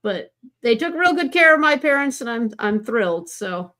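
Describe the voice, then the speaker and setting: A woman guest on a podcast, talking in a warm, chatty way. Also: on the high side, very animated, moderate pace. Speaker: guest, comics creative consultant. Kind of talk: casual podcast chat.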